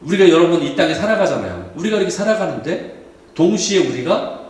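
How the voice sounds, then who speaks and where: Lively high-voiced pastor in an echoey church. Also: male voice, fast. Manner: explanatory, asks the congregation questions. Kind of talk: sermon. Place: church sanctuary. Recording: echoey hall from far off.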